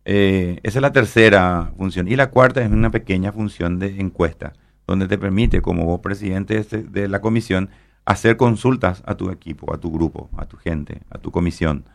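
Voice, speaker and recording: A man talks through an explanation at length as an interview guest. His voice sits low and has a gravelly, creaky texture. He keeps checking in with his listener as he rambles on. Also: normal speed. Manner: explanatory, rambling with fillers and tag questions. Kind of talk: explaining an app in a radio interview.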